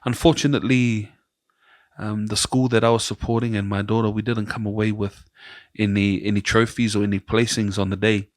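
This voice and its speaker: A middle-aged podcast host with a New Zealand accent speaks fairly quickly in a low voice with little pitch movement. In this casual chat he rambles through lengthy stories, acting out quoted voices, captured in dry studio quality.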